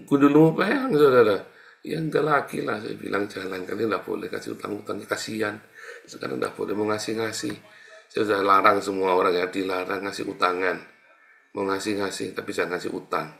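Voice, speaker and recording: A middle-aged male pastor preaching a casual sermon, drifting from quiet, musing asides to loud, scolding rebukes. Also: on the low side, creaky.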